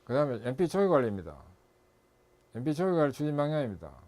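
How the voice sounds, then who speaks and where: A man's voice: a little high, sing-song, fast, a little mellow. A middle-aged man lecturing as an instructor and consultant, listing steps methodically and correcting himself as he goes.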